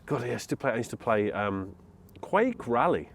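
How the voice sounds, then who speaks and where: A man in casual podcast chat about games who laughs often and gets excitable. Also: medium pitch, normal speed, a little hiss or hum.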